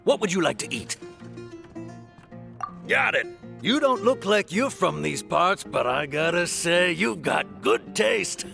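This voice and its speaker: A man's voice: high voice, sing-song, takes it slowly, gravelly, over music, heavily acted. A man voicing a friendly, hearty, folksy eatery server in a video game, greeting diners. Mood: welcoming. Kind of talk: video game character acting.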